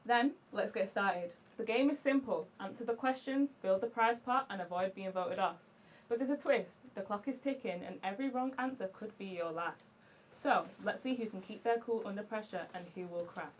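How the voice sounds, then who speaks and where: A woman hosting a scripted quiz show, reading out the questions briskly with a few stumbles. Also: mid-range voice, a little hiss or hum. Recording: distant mic with faint music behind.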